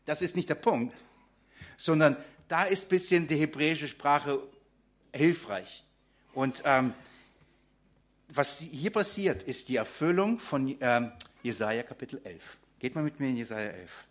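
A man's voice: medium pitch, animated, measured pace. A man preaching a sermon in German, talking directly to his congregation with frequent fillers and restarts.

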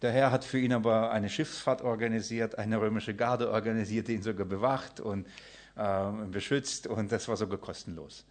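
A man preaching a sermon to his congregation, emphatic, often swinging between loud and soft and acting out the people he quotes. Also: fairly low pitch, fairly even intonation, normal speed. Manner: emphatic, acts out quoted voices and shifts loudness often.

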